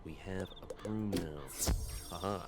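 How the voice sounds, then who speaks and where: A man's voice: deep voice, unhurried. A man giving casual commentary as he hosts a video game playthrough. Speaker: gamer, playthrough host. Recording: loud game music behind voice.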